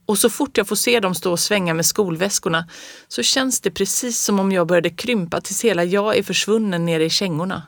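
A woman reading a children's storybook aloud in a calm, even storytelling voice. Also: mid-range voice, vocal fry, no room sound, studio quality.

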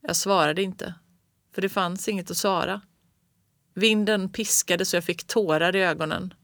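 Audiobook reader, first-person children's story, bright tone, dry close studio sound. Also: medium pitch, fairly even intonation, no echo. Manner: first-person narration as a child looking back. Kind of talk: storytelling narration of a children's book.

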